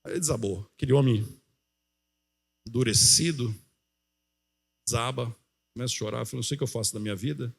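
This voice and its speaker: A male pastor preaching a sermon in a church, telling a story with animated delivery and acting out the voices of the people in it. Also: mid-range voice, brisk, creaky, pauses often, slightly rough. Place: church auditorium.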